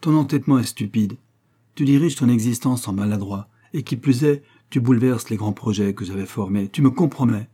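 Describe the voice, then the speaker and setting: Old inventor dad, man doing the voice, bossy and heated, husky, kinda dark audiobook read. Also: lowish voice, normal speed, lightly acted. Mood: furious. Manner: commanding, heated. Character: domineering old male inventor, quick-tempered father. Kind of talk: audiobook character reading.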